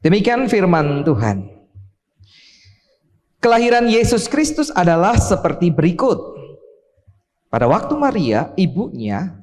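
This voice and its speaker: The pastor's voice is a little high and somewhat dark in tone as he leads online worship from a church sanctuary. His solemn prayer gives way to a scripture reading in which he lifts his voice on key words, all echoing with church hall reverb.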